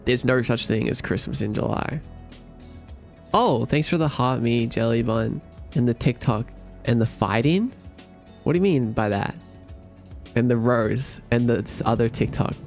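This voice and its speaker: A young man chats on a livestream, teasing and laughing as he reads out comments. His voice has a gravelly, fry-tinged texture. Quiet music plays in the background. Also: mid-range voice, measured pace, long pauses. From Australia. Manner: playful, laughing, teasing chat. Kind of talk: casual chat reading viewer comments.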